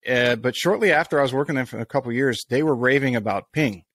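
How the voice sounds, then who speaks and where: This golf podcast host talks fast in a mid-range voice with a fairly bright tone, chatting casually in interview style. His long, meandering sentences keep restarting and wandering into asides, captured dry with clean studio sound.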